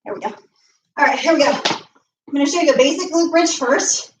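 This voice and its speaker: A high-voiced woman coaches a home workout while doing the moves herself, short of breath as she counts off reps. She sounds a little far from the mic, in an echoey room. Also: moderate pace, background noise. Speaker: fitness coach. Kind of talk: live home workout instruction.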